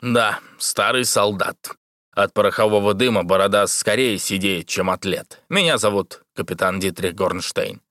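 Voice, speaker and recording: A man reading the part of an old mercenary captain, gruff but kindly. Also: fairly low pitch, moderate pace, pushed and bright, dry recording, clean studio sound. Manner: gruff, easygoing. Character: older male mercenary captain, gruff and kind.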